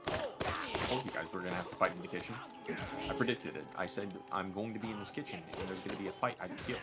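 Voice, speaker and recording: A man's voice: low-pitched, sing-song, fast talker, loud music behind the voice. A man streaming a game, chatting casually and jokingly to his viewers. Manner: chatty, addresses chat directly, jokey.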